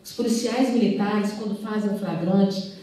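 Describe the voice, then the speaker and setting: A woman's voice: mid-range voice, steady tone, warm tone. A middle-aged woman with a Minas Gerais accent, a police chief speaking earnestly on a panel and often stopping to restart her sentences. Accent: Minas Gerais Portuguese. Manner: earnest, halting, with many restarts. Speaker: police chief at a women's police station. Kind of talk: panel talk, recounting a case. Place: event hall. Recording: very echoey hall, mic far off.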